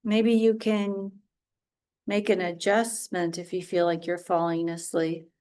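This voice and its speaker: Leading a guided relaxation, a female yoga teacher speaks very slowly in a slightly low, level voice that is a bit mellow and smooth. Her phrases are brief and calming, with space left between them.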